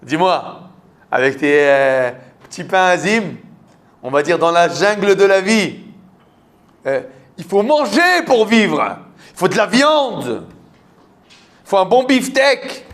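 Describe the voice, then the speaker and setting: Man putting on a boastful brutish giant, scornful, swaggering, pitched up high. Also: slow pace, pauses often, fairly bright tone. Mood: mocking.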